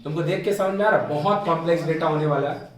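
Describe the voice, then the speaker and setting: A man's voice: fairly high pitch, fast talker, recorded from a distance. A man teaching a math lesson in a classroom, coaxing students with repeated questions. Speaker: math tutor. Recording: echoey room, voice from off mic.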